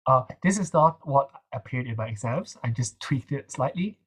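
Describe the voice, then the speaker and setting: A man's voice: mid-range voice, animated, moderate pace, slightly rough. A young man with a nasal voice, casually running a revision session and talking through quiz answers with plenty of fillers and restarts. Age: young adult. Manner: chatty, hesitant, many fillers. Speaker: medical student tutor.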